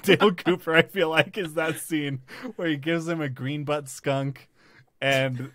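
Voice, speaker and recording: A man's voice: on the high side, fairly even intonation, unhurried, a bit bright. A man hosting a podcast, talking casually and rambling with lots of fillers and restarts. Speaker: podcast host. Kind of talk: casual chat about a TV series.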